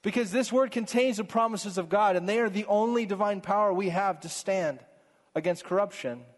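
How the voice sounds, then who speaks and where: Guy preaching in a church, kinda high voice, gets fired up then goes quiet, long echo around him. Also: moderate pace. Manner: earnest, swings between fervent and hushed. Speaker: pastor. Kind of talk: sermon.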